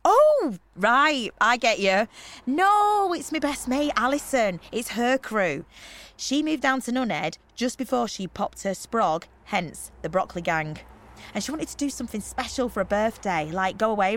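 A woman voicing a brash, loud party girl who talks in slang and swears casually. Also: medium pitch. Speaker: trip organiser.

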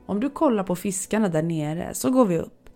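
Storyteller doing a sugary mom calling you into the water, higher voice, creepy-sweet, soft music underneath. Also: lively intonation, natural voice. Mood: coaxing. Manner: cheerful, coaxing. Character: sweetly luring mother, secretly a monster.

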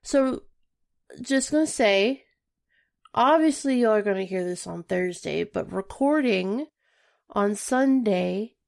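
A woman co-hosting a casual podcast chat, telling stories in an animated way. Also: medium pitch, takes it slowly, creaky. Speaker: podcast co-host.

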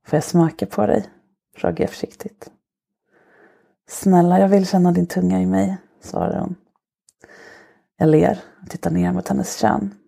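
A woman podcast host reading an erotic short story aloud in a slow, soft, intimate way. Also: lowish voice, vocal fry, slightly rough.

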